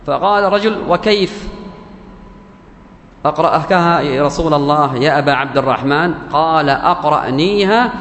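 A man gives a religious lesson on recitation, patiently drawing out and repeating each example. His voice sits a bit high. The long reverb and faint background hum of a large hall surround him. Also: fairly bright tone. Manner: explains patiently, repeats key terms and examples slowly. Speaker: Quran recitation teacher. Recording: echoey hall with faint ambience.

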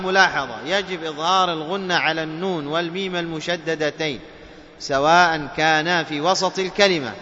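A man teaching the rules of Quran recitation. He quizzes listeners with questions and chants the examples slowly. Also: a little high, sharp tone, a little hiss or hum. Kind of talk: tajweed lesson. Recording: dull lo-fi sound with long reverb.

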